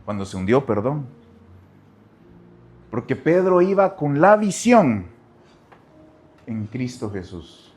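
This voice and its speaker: In a slow, sing-song delivery full of long pauses, a man pastor preaches to his congregation. He repeats phrases, addresses them directly, and alternates quiet low asides with loud cries.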